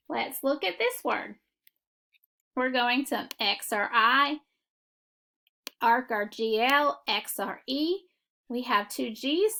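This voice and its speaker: A woman teaching a phonics lesson, walking through syllable marking step by step in a deliberate classroom manner. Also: on the high side, gravelly, a bit bright. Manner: slow, deliberate classroom instruction. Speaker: reading teacher.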